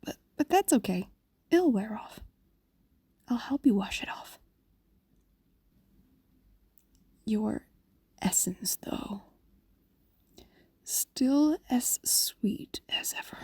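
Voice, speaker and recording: Heavily acted and animated, a woman's fairly high-pitched breathy whisper brings to life an ancient, lovestruck fox demon, possessive and tender, in an intimate ASMR-style fantasy roleplay. She is slow and coaxing, with lingering pauses and a possessive mood. There's no echo.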